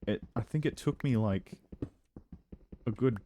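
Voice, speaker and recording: A young man giving casual let's-play commentary, chatty and rambling, breaking into excited outbursts now and then. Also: medium pitch, measured pace, slight background noise. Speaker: gameplay commentator.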